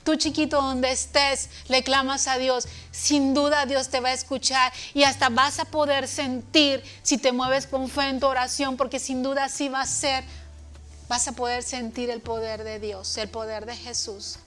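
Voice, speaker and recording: A woman teaching a children's church lesson, speaking tenderly to the kids and booming out dramatic commands in her story, with a Latin American Spanish accent. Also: level tone, normal speed, a bit bright, soft background music. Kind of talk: children's sermon.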